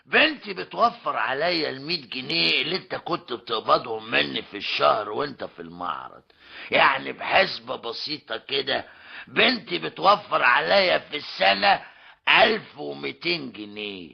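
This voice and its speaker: A mocking, stubborn older tradesman and father in an old radio comedy drama, with an Egyptian Arabic accent. His gravelly, husky voice swoops up and down theatrically. It comes through a dull, lo-fi old radio recording. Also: medium pitch, expressive, moderate pace, exaggerated voice. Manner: mocking, theatrical, keeps repeating a polite tag.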